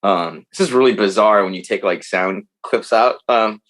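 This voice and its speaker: A man talking as a podcast guest, telling stories in a loose, animated way and swearing freely. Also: on the low side, moderate pace. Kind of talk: casual chat.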